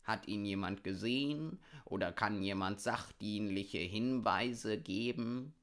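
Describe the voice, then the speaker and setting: A wise old raven, played by a man in a children's storybook. He speaks slowly and with measured solemnity, his voice on the low side. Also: fairly bright tone.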